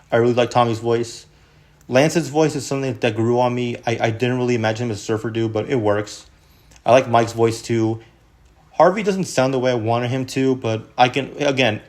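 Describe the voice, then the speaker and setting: A young man hosting a casual, rambling book review, full of fillers like "honestly" and "unironically". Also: mid-range voice. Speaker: video host.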